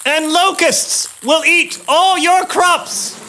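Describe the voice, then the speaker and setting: Man as solemn Moses, slow grave warnings, bright high voice. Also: fairly even intonation, a little hiss or hum, full character voice. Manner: slow, raised, solemn proclamation. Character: Moses, stern adult male prophet warning a king.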